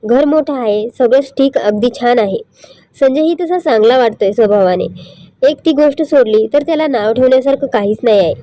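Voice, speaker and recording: A woman's voice: on the high side, a little fast, warm tone, no echo, lightly acted. A woman reading the lines of a young bride who is hurt and questions her husband. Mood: pondering. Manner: indignant, pained.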